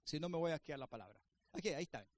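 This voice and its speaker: Male pastor, sermon delivery, high voice, dry recording, emphatic rises with soft asides. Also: animated, rapid-fire, no echo.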